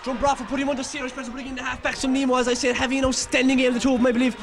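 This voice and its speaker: Irish male match commentator, very high voice, partisan and excitable, shouting, voice worn from yelling. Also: racing, gravelly. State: nearly losing his voice. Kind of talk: partisan live sports commentary.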